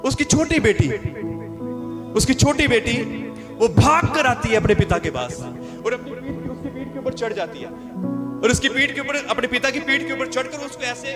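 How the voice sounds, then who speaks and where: High-pitched preacher over music. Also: male voice, normal speed. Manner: storytelling preacher, calls out for congregation responses. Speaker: pastor. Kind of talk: sermon. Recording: music under the voice.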